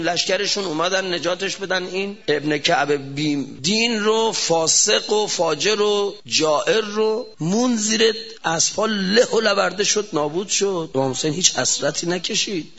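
A man delivering a fervent religious sermon in a fairly high voice. He presses his listeners with rhetorical questions and speeds up or slows down abruptly. The recording sounds dull and lo-fi. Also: gravelly. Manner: fervent, rhetorical questions, sharp shifts of pace. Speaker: preacher.

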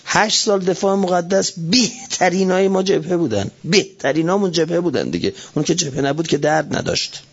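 A middle-aged man giving a religious talk, animated, swinging between loud emphatic lines and low soft asides. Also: few pauses, breathy edge. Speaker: preacher. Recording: dull lo-fi recording.

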